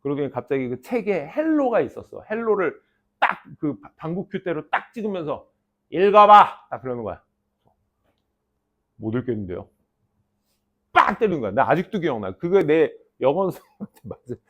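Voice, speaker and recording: A middle-aged man teaching an English class, talking to students in a lively, playful storytelling way. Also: fairly high pitch, fairly quick, highs cut off. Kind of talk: lecture to students.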